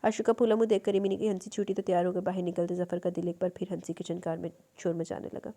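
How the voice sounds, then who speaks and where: A woman's voice: on the low side, fast. A woman narrating a romance novel aloud and then chatting casually while reading listener comments. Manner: chatty, relaxed with fillers. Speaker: novel reader and channel host.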